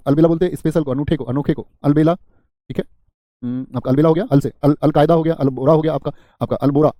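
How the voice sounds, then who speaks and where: A man runs a live exam-prep grammar class, repeating words over and over and putting questions to his students. His voice sits a little high for a man but sounds mellow and warm. The sound is dry and close, with no room around it. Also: no echo. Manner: drills word lists, quizzes students, reads chat comments, jokes.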